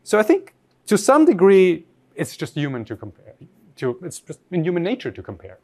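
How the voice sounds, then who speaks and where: A man's voice: high voice, huge pitch swings, moderate pace, a little mellow. A man from Austria giving an academic lecture, reflective and posing rhetorical questions to his audience.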